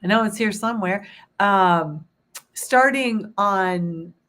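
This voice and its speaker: A woman who is hoarse and losing her voice, leading a soothing guided meditation and then chatting casually with her online audience. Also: medium pitch, fairly bright tone. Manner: slow, soothing guided visualization; rambling, self-interrupting chat with fillers. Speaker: spiritual teacher hosting a livestream.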